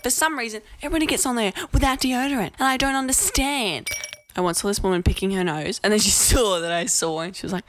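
A woman's voice: fairly high pitch, quick pace, noisy background. A young woman hosting a podcast, telling blunt, self-mocking stories in a casual comedic monologue. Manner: chatty, blunt, self-mocking, swears and laughs often. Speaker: podcast host.

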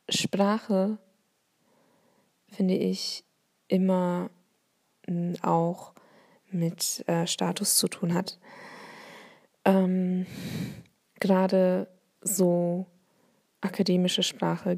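A woman with a lowish, gravelly, warm voice and a light Bavarian German accent thinks aloud in a solo podcast monologue. She's from Bavaria and hesitates often, filling gaps with fillers.

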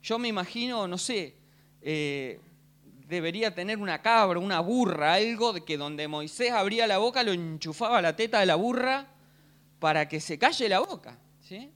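An Argentine man preaching with a high-pitched voice that rises and falls dramatically. He tells the story in a playful, joking way and keeps asking his listeners for a "¿sí?" to confirm they follow. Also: normal speed. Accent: Argentine Spanish. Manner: animated, jokey, keeps asking the crowd "¿sí?". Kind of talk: humorous sermon storytelling.

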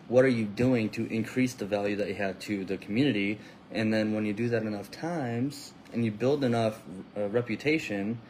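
A man's voice: on the low side, a little mellow, a little hiss or hum, rough recording. A man in his thirties co-hosting a casual podcast chat, emphatic and motivational, repeating phrases for stress. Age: 30s. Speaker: podcast co-host.

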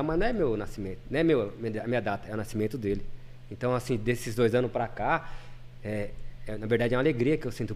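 Guesting on a podcast, a lay preacher tells his story quickly and earnestly, chatting casually in an ordinary middle pitch. His voice is a little mellow, and he keeps stumbling, repeating himself and restarting as he goes.

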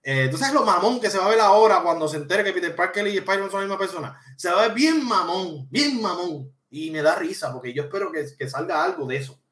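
Hosting a live-stream podcast and reading from the live chat, this man speaks fast and high-pitched with hardly any pauses. His manner is joking and animated, full of slangy, casual rants, captured in an echoey room.

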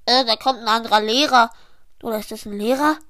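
A woman playing a calm, patient know-it-all schoolboy in a homemade story. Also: a little high, a little fast, dry recording, clean studio sound, natural voice.

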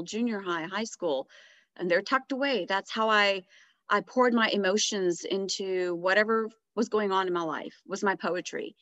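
A middle-aged woman, a guest author on a podcast, tells her story in a reflective, casual way with a mid-range voice. She grows animated when retelling dialogue. The podcast audio is dry and slightly dull.

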